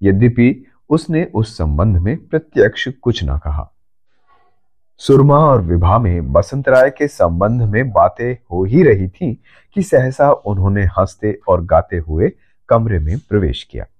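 Deep, slow male storybook narrator. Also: very animated, darkish tone.

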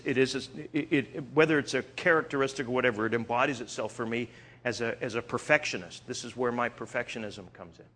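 Animated, bright-voiced male preacher. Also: on the high side. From Eastern Canada. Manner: animated storytelling with frequent restarts. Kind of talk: sermon.

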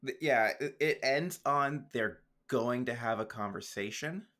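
Speaking a little slowly with a sharp tone, a man in the mid-range co-hosts a podcast. He recaps a show in a casual chat marked by easygoing dry asides and plenty of laughter.

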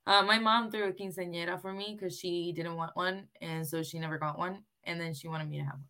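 Bubbly bright-voiced woman from Puerto Rico. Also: fairly low pitch, steady tone, fairly quick. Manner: bubbly, laughs easily. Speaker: podcast guest. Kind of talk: casual podcast interview.

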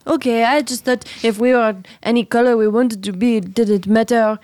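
A woman's voice: fairly high pitch, fairly even intonation, moderate pace, darkish tone, no echo, studio quality. A woman playing a tabletop game, casual and tentative, asking questions in character. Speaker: player. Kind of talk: casual tabletop role-play.

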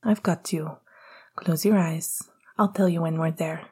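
A woman reading a tender young male hockey player's lines in a soft whisper in an audiobook. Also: low voice, fairly even intonation, a little slow, breathy edge, full character voice.

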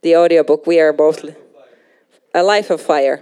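A young adult woman preaching a sermon, emphatic and animated, slipping in English phrases now and then. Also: low voice, smooth.

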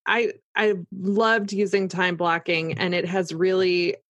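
A woman's voice: fairly low pitch, flat delivery, measured pace, no echo. A woman in casual, explanatory conversation, talking through examples as if voicing her own thoughts.

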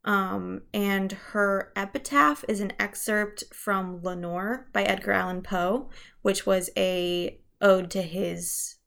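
Chatty young woman with a gravelly voice. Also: medium pitch, fairly even intonation, slow, fairly bright tone. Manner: chatty, many fillers and restarts, laughs at herself. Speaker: podcast co-host. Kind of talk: casual chat telling ghost stories.

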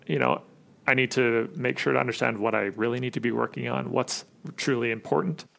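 A man's voice: mid-range voice, fairly even intonation, fairly quick, vocal fry, fairly bright tone. A man who runs an agency, answering interview questions in a casual, reflective way with many fillers. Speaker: agency CEO, guest.

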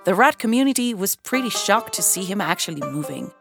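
A woman's voice: mid-range voice, big pitch swings, brisk, creaky, music in the background. A woman narrating a children's story in a playful, slangy way.

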